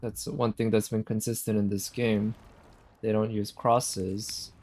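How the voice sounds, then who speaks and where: In an unhurried, lowish voice with little pitch movement, a man provides casual live commentary on a game, reasoning aloud and often questioning what he sees. Loud video game music sits behind his voice.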